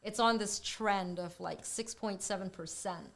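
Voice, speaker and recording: A woman's voice: mid-range voice, unhurried, creaky. Playful, teasing woman co-host. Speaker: podcast co-host. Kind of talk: casual chat.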